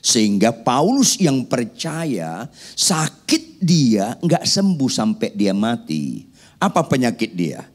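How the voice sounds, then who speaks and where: Male pastor from Indonesia, animated sermon delivery, prods the congregation to answer. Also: mid-range voice, takes it slowly. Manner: preaching with questions to the congregation. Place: church.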